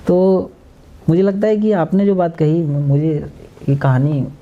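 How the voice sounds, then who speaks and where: A man's voice: fairly high pitch, a little slow, lo-fi sound. A man with an Uttar Pradesh Hindi accent, a guest telling stories and acting out voices in a podcast interview. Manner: animated storyteller acting out voices.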